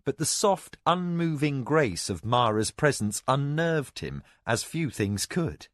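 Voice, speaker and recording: A man narrating a fantasy novel as an audiobook, in a measured, expressive way. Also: medium pitch, no echo, studio quality.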